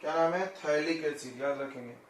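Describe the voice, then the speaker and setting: In a coaching classroom, a male chemistry teacher lectures step by step, regularly checking that his students are keeping up. His voice is fairly high and fairly quick, picked up from a distance in an echoey room with a faint hiss or hum.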